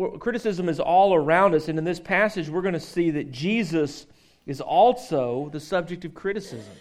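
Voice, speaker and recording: Man preaching a conversational sermon. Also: a little high. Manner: conversational, joking with the congregation, frequent restarts; reads scripture aloud. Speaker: pastor.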